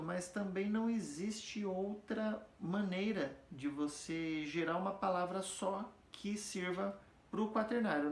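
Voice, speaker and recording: A man giving a casual music theory lesson, patiently explaining and often checking that the students follow. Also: high-pitched. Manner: explains patiently, checks understanding with frequent tag questions; sings or chants example words slowly to demonstrate stress. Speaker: music teacher. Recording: echoey room.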